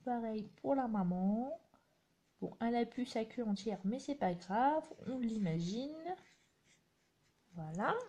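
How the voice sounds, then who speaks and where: A woman's voice: on the high side, lively intonation, slow, pauses often, warm tone, breathy edge. A woman, chatting casually while she demonstrates a craft project on a live stream. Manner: chatty, narrates her hands-on work with little asides. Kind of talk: live craft tutorial chat.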